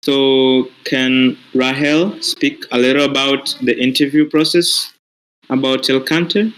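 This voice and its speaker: Guy hosting the seminar, slow and unsure, lots of ums. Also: medium pitch, level tone, a bit bright, low-quality recording. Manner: unhurried, hesitant with fillers. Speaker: session moderator. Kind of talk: moderating a seminar.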